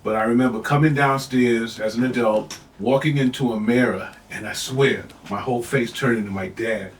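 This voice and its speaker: A man's voice: medium pitch, fairly even intonation, moderate pace, slight background noise. Brief: older man, podcast co-host, reflective storyteller, sits back from the mic in a roomy space. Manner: reflective storytelling with many "you know"s. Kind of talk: casual chat. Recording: echoey room, mic at a distance.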